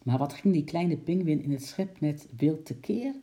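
A man reading a children's story aloud in lively storytelling style, switching into voices for the characters. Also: a little high, moderate pace. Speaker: narrator.

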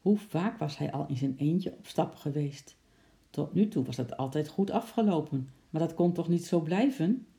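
A storyteller reading a children's story aloud in an expressive way. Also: mid-range voice, creaky.

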